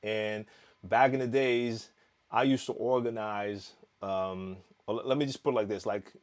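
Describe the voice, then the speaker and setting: A Dutch-speaking DJ from the Netherlands chats on a live stream, running a relaxed Q&A. His voice is lowish and a little slow, and he reads viewers' comments aloud with frequent fillers and restarts.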